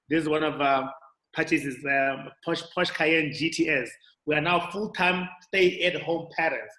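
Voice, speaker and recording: A man from South Africa speaking on a video call, giving a motivational sales presentation in a halting way, full of fillers and restarts. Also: fairly high pitch, pushed and bright. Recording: echoey room audio.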